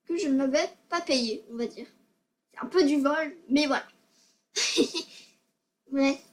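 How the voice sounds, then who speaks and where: Girl with a high voice chatting through a game tutorial, stumbles and repeats words a lot, a bit shy. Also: slow. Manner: hesitant, stammers and repeats words; self-conscious and giggly. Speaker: gaming video maker. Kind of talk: casual game tutorial commentary.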